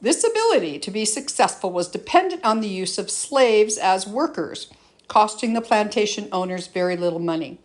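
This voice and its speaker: Female educator, mid-pitched, for scripted explanatory lesson narration in a student nature-documentary style. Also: animated, normal speed. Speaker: teacher presenting an educational lesson.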